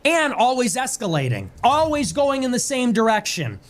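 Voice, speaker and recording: High-pitched, animated man. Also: moderate pace. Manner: rhetorical, emphatic repetition. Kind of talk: casual political commentary.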